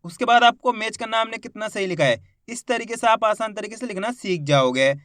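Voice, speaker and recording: A man's voice: high-pitched, animated, a little fast, a bit bright, no room sound, clean studio sound. A man teaching Hindi reading. He sounds out each syllable, then blends them into a word, and asks questions he answers himself.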